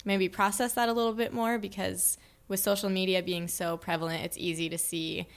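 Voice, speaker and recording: A woman's voice: medium pitch, level tone, fairly quick. A young mother speaking candidly in a casual chat, reflective, with many fillers. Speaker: parent guest on a panel.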